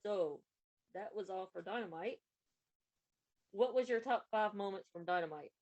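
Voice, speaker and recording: A woman's voice: mid-range voice, normal speed, a little mellow, poor audio. A woman co-hosting a podcast, recapping wrestling matches in a casual, running play-by-play way. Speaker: podcast co-host.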